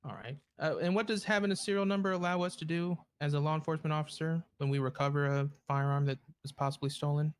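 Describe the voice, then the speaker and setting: A man role-playing a prosecutor, formally addressing a court with somewhat halting phrasing. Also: on the high side, fairly even intonation, smooth. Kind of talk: improvised courtroom role-play.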